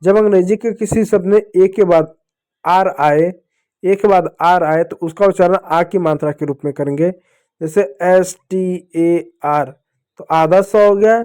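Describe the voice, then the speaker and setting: A man's voice: high-pitched, a little mellow. A man teaching young children to read, patient, asking them questions and repeating each point. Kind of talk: children's phonics lesson.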